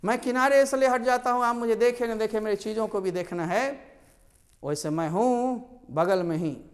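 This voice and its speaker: High-voiced male teacher in echoey hall. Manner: explains slowly, repeats words with stress. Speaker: English teacher. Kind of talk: classroom lesson.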